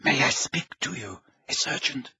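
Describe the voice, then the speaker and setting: A man reading an audiobook, voicing a desperate witch who speaks in a strained, breathy hush. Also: a little high, huge pitch swings, moderate pace, pitched above the performer's own voice, exaggerated voice. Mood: whispered. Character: desperate pale adult witch, tense and secretive.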